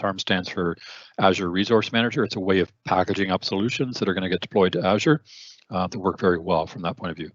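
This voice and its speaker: A man's voice: lowish voice, no room sound, muffled recording. A man hosting a technical webinar in a conversational way, with many fillers and repeated words, his voice a bit worn. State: losing his voice, clearing throat. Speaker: webinar host.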